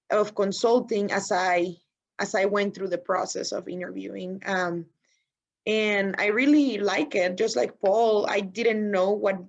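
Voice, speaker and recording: Young woman, friendly panel guest, mid-pitched voice, muffled lo-fi call sound. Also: creaky. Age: 20s. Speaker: guest consultant. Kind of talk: webinar panel answer. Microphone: video call. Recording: dull lo-fi video call audio.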